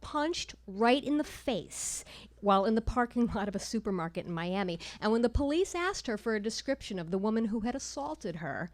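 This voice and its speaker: A woman telling a personal story at a live storytelling show, wry and measured with dry comic timing. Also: on the high side, big pitch swings.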